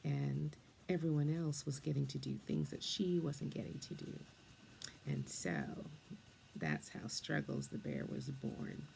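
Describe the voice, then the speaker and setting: An older woman with a low, gravelly voice talks gently while she colors, wandering from thought to thought. Her tone is dark and mellow, and she often drops into a near-whisper over a faint hiss of room ambience. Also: expressive, a little slow. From England, then Canada and the United States. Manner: soft-spoken, meandering, often drops to a half-whisper. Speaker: storyteller and coloring host.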